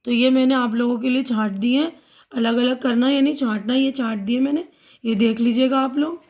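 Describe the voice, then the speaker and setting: A woman teaches a school class in a high, light voice. She goes step by step, repeating terms and glossing each one patiently. Her delivery is calm and instructive. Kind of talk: explaining a school lesson.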